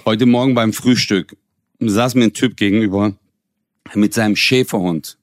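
A young adult man co-hosting a comedy podcast, telling stories in an animated, mocking rant full of slang and laughter. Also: fairly low pitch, moderate pace, no echo, clean studio sound. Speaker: podcast co-host. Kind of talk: comedic casual storytelling.

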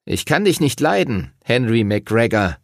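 A man with a medium-pitched voice reads an audiobook at a moderate pace, lightly acting out a cocky teenage boy who speaks in a mocking, grinning way, pitched above his own natural voice. The recording is dry and of studio quality.

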